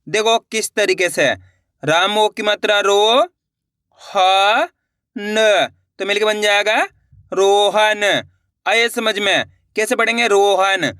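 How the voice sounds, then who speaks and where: A man teaches Hindi reading in a high, bright voice. He takes it slowly, sounding out each letter and then blending the word. The sound is clean, smooth and dry. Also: steady tone, dry recording. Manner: addresses viewers as friends, asks if it is clear. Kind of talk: slow syllable-by-syllable reading lesson.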